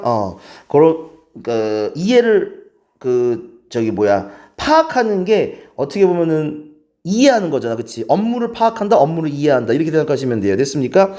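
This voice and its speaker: A man's voice: a little high, warm tone. A man teaching English grammar in a lecture, keeps checking in with the class through rhetorical questions.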